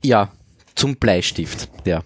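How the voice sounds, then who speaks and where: A man hosting a casual tech chat and explaining things in a relaxed, plain way. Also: on the low side, takes it slowly.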